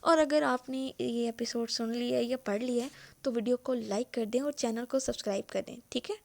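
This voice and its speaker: A woman's voice: fairly high pitch, creaky. Woman reading a novel aloud. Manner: steady storytelling narration. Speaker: novel reader and channel host.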